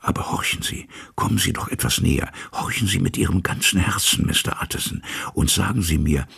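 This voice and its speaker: A man voicing an anxious old male servant in a storybook reading, talking in a hushed, half-whispered, pleading way with a husky, gravelly voice. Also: sits low, brisk, exaggerated voice. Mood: fearful hushed.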